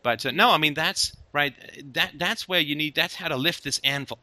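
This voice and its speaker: A man's voice: a little high, normal speed, bright, forceful tone, no room sound. A man hosting a casual conversation, talking emphatically and often checking in with "right?". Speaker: host.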